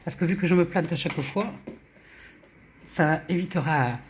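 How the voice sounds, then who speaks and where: Her fairly low, husky voice has a darkish tone and moves at a moderate pace. She's a YouTuber chatting casually at home over puzzle games, muttering letters and numbers and ribbing herself for mistakes.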